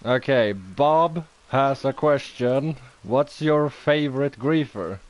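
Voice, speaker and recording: A man hosting a casual stream interview, his pitch in a middle range. He talks slowly and hesitantly, stalling with ums and repeated okays between questions. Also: lively intonation, no room sound. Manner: hesitant, many fillers, lots of okays. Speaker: host interviewing players.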